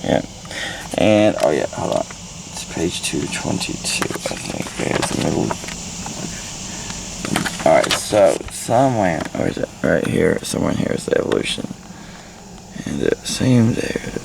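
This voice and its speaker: An American man in his thirties films himself in a parked car, holding the camera at arm's length, for a scattered, irreverent book report full of crude swearing and read-aloud passages. He speaks in a low, gravelly voice with big pitch swings, a measured pace, and long pauses, over faint background noise.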